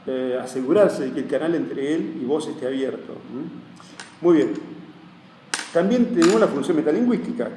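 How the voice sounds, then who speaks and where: Rambling teacher with a Rioplatense accent. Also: male voice, a little high, a little mellow. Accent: Rioplatense Spanish. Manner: rambling, checks in often with listeners. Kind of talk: classroom lecture. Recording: echoey room, mic far off, faint hum.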